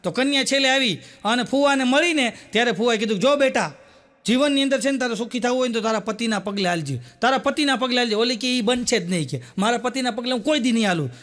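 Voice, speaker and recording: Male stand-up joke teller, very high register, storytelling style that laughs at its own jokes. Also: quick pace, a bit bright. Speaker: comedian.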